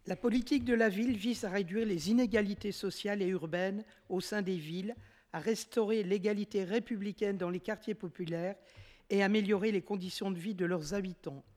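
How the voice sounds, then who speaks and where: A woman councillor presenting a motion at a city council, reading an administrative report in a steady, measured way and now and then correcting herself. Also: mid-range voice, in a large hall.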